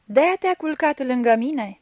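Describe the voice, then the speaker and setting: A blind old man, startled and suspicious, as a woman voices him in an audiobook, firing off short, sharp questions. The voice sits high and pushed. It is heard dry and close. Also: expressive, no room sound, highs cut off. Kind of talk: audiobook reading.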